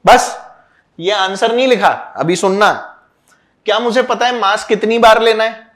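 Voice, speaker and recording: A man with a high-sitting voice speaks a little slowly as he teaches a physics class. In a loud classroom lecture, he quizzes and scolds students, urging them on while mixing in English terms.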